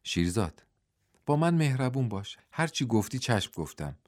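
A man's voice: medium pitch, very animated, a little mellow, natural voice. A man voicing an older male wrestling coach who talks in a coaxing, fatherly way in a storybook reading.

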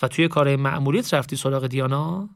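A man's voice: mid-range voice, creaky, no room sound, clean studio sound, lightly acted. A man voicing a stern male security interrogator with a curt, serious manner in an audiobook.

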